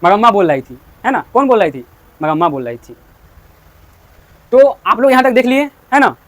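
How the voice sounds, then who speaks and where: A man's voice: high-pitched, big pitch swings, moderate pace, a bit bright. A man teaching a story to students, asking and answering his own questions and repeating points.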